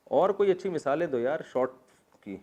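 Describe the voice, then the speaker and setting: Man, middle-aged, religious teacher, slow repeated word drills, joking asides. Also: fairly high pitch, lively intonation, dark tone. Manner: explains slowly, repeats Arabic word forms, joking asides. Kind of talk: Quran grammar lesson.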